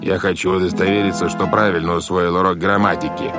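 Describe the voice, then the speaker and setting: A low, deep-voiced villainous sea captain, as a male reader puts him on, unhurried and coldly mocking. He threatens in an even, smooth tone over soft background music. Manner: calm, coldly mocking, menacing. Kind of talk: audiobook character voice.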